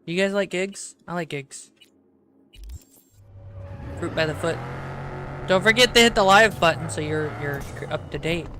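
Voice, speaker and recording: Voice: medium pitch, measured pace, long pauses, bright, forceful tone, a little hiss or hum. A streamer chatting playfully and casually with viewers during a live game stream. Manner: playful, chatty, talks to chat. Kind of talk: casual livestream chat.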